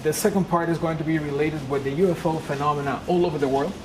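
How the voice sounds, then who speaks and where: Speaking in a low, steady tone at a quick pace, a Peruvian guest lecturer presents a public talk with slides. She is earnest, English is her second language, and a humming noise fills the room.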